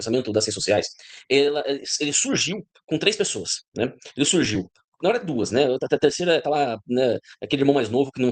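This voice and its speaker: A man speaks as a guest commentator at a brisk pace. He opens with hesitant fillers and then settles into a patient, lecturing explanation. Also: medium pitch. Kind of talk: explanatory discussion.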